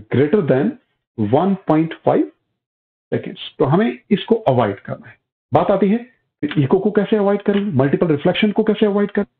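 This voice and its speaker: Male physics teacher, higher-pitched voice, patient step-by-step lecture, phone-like sound. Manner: explains step by step, asks and answers his own questions; addresses students as "beta". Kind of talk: classroom lecture. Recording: tinny phone-like audio.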